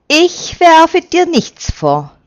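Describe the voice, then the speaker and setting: A woman reading the lines of a stern male Roman official in a measured, admonishing way. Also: extremely high pitch, very animated, voice pushed up, exaggerated voice. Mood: reproachful.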